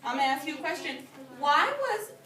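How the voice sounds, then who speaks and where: Here the teacher's voice is high and sing-song, moving fairly quickly as she reads a storybook aloud to a room of young children. Patient and simple, she talks the story over and repeats what the kids answer; she's a preschool or early grade teacher. It was filmed on a distant phone or camera, sounding roomy and noisy.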